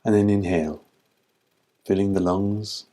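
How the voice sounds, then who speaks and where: Here a teacher guides listeners through meditation; his voice is on the low side, and he speaks calmly in measured phrases broken by long pauses.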